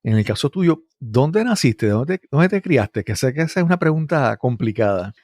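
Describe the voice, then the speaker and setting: A man hosting a podcast interview, opening with measured, deliberate introductions before asking questions. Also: mid-range voice, expressive, darkish tone, no echo, clean studio sound. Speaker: podcast host.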